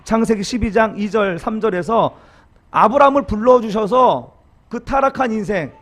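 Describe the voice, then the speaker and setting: A man's voice: sits high, normal speed, fairly bright tone. A middle-aged man preaching a sermon as pastor, talking with the congregation and having them repeat after him. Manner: acts out harsh example quotes in dramatic voices; call-and-response with congregation.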